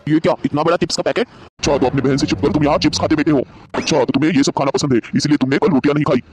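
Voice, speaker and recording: A man's voice: on the high side, fairly even intonation, racing, noisy background, natural voice. A man voicing a firm father figure in a cartoon, with a lecturing manner.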